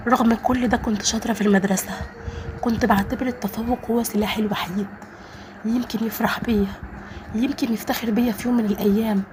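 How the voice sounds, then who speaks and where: A woman's voice: fairly high pitch, steady tone, fast talker, noisy background. A woman with an Egyptian Arabic accent, narrating a first-person story in an earnest, emotional way.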